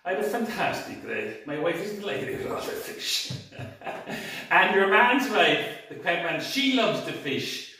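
A man's voice: sits high, big pitch swings, measured pace, pushed and bright. A tired man chatting cheerfully to camera as a fishing vlogger, laughing often. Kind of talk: casual chat to camera. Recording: very echoey, voice from a distance.

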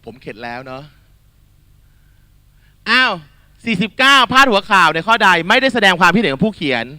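A male tutor runs an energetic exam-prep lesson, quizzing students and coaxing answers out of them. His voice is very bright and forceful, sitting a little high. The sound is dry and close. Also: normal speed, clean tone, no room sound. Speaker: Thai tutor.

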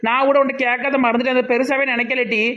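A woman's voice: sits high, little pitch movement, quick pace, highs cut off. A woman with a Tirunelveli Tamil accent, playing a brash, scolding villager in a comedy sketch.

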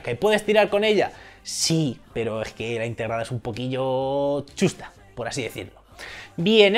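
Young man, casual tech talker, higher-pitched, slangy and informal, faint music bed. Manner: chatty, colloquial, informal slang and swearing. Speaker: tech YouTuber.

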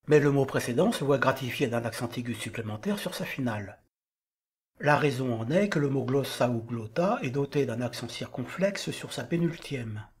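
A man giving a scripted lesson, explaining grammar in a measured, didactic way. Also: medium pitch. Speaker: teacher.

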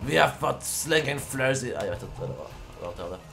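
A young man from Sweden chats through a game session in a loose, joking way, tossing in curses and bursting into laughter. His voice sits at an ordinary pitch, a little worn from feeling unwell. Soft music plays quietly underneath. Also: expressive, vocal fry. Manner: joking, swearing, quick laughing outbursts. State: slightly under the weather. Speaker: gaming YouTuber. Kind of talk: casual let's-play commentary.

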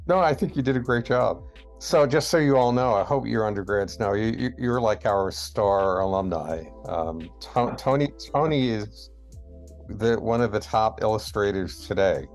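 A man giving a slow, hesitant lecture over slides, with many pauses and fillers. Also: on the low side, soft background music. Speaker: guest lecturer.

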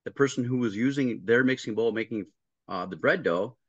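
The voice is a man's, medium in pitch, fairly quick and a bit bright. He is a middle-aged restaurant consultant appearing as a guest on a video call from a home room with a painting at his back, sharing work stories casually, step by step, acting out conversations and restarting often. The recording comes across dry and muffled.

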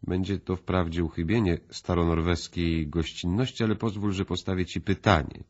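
A man reading the lines of a cool, composed host who asks pointed questions with icy calm. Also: sits low, normal speed, dull audio. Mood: coolly calm. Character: cool composed male host, calmly probing.

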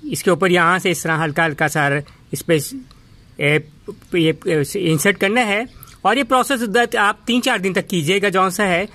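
A man hosting a casual gardening tutorial in his home garden, talking in a halting way with many fillers and restarts. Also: high voice, pushed and bright. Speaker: gardening channel host.

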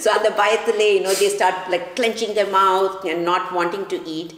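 A woman's voice: mid-range voice, racing, noisy background. A middle-aged woman with a South Indian accent explaining things conversationally as a pediatrician, often acting out other people's remarks. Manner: animated, acts out parents' and children's remarks. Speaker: pediatrician guest. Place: large indoor living room by a fireplace. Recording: echoey reverberant room.

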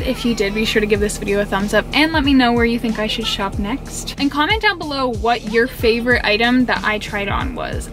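A young woman in her twenties chatting casually about a shopping haul from inside a parked car. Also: on the high side. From Canada. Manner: chatty and upbeat, often says "like". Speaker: fashion vlogger. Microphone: camera on the dashboard.

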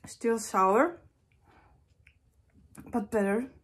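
A woman's voice: on the high side, drawn-out words, husky. A woman in her thirties chatting casually to camera in a small room, exclaiming in discomfort as she eats sour candy. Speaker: video host taking a sour candy challenge. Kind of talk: casual solo challenge vlog chat. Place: small room indoors at home.

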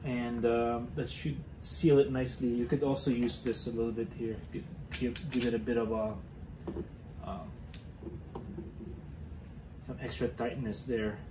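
A man's voice: medium pitch, level tone, unhurried, pauses often, reverberant, noisy background. A young man hosting a casual how-to demonstration, talking hesitantly with many fillers and restarts while he works with his hands in a cluttered garage. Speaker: DIY car channel host.

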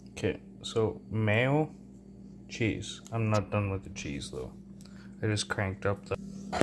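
A man in his thirties talks slowly and unhurriedly as he cooks, swearing and muttering half to himself. He was recorded by a phone propped on the counter in a small home kitchen, with loud, steady noise running underneath. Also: lowish voice. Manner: profane, muttering to himself while cooking. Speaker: home cook vlogger. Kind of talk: casual cooking vlog. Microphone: phone camera propped on the counter.

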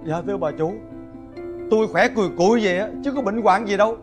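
Actor as an indignant father; high voice over clear guitar music. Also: quick pace, close to an everyday voice. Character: older father denying illness, indignant.

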